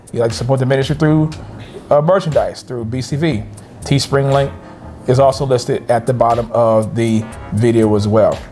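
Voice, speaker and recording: A man hosting a casual chat show with his wife, talking in an upbeat, chatty way. He teases and jokes easily, with a pitch in the middle range. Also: moderate pace, soft background music. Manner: lively, chatty, teasing. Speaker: co-host of a couples' ministry channel.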